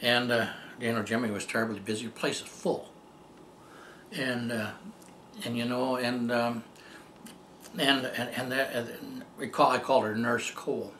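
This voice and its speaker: An older man recounts a personal story in an earnest, meandering way, often stumbling into "and, um" restarts. His voice sits at an ordinary middle pitch, with a faint hum of ambience behind him. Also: steady tone, measured pace, long pauses, a bit bright, roomy sound. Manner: rambling, heartfelt, many fillers and restarts. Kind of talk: casual spoken testimony.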